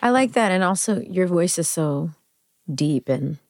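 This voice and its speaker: A woman with a lowish, gravelly-edged voice hosts a casual interview. She is effusive and encouraging as she reacts. The sound is dry. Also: expressive, measured pace, no echo.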